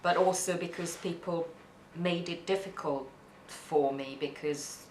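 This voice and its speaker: A deep, darkish voice belongs to a middle-aged woman who speaks a little slowly, taking her time, reaching for words and repeating a few as she reflects candidly. She's an interpreter and documentary subject whose first language isn't English, from a non-English-speaking country outside the UK. Echo and background hiss mark the recording space.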